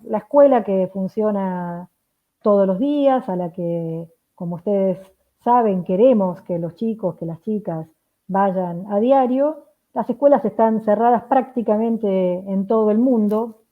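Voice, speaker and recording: A woman with a tired voice, giving an earnest, measured reflective talk to teachers. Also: medium pitch. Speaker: education speaker. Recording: phone-like narrow sound.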